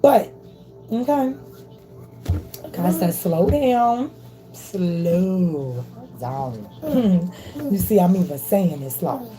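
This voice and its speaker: A woman's voice: mid-range voice, lively intonation, slow, long pauses, music in the background, low-quality recording. A woman giving a casual motivational spiritual talk into her phone camera, emphatic and slangy, checking in with listeners with a constant "okay?". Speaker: spiritual reader.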